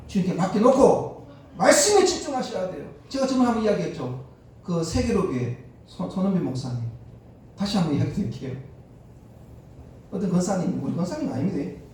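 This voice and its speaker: A male pastor preaches a sermon in a high, lively voice, acting out the people in his stories. He is caught by a distant microphone in a church sanctuary. The hall gives a heavy, ringing echo, with faint noise underneath. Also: fairly quick, long pauses. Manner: animated storyteller acting out quoted speech.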